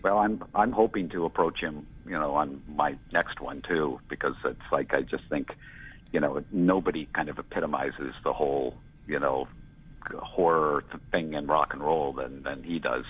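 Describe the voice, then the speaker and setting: An older man with a very deep, gravelly, gruff voice speaks at a moderate pace as a filmmaker guest in a casual conversational interview. He rambles and reflects, leaning on lots of "you know" fillers. The audio is dull and lo-fi.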